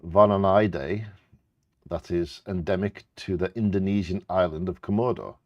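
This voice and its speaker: A man's voice: low voice, normal speed, no room sound, lo-fi sound. A man co-hosting a live bingo game, reading animal facts aloud with casual asides and stumbling over technical names.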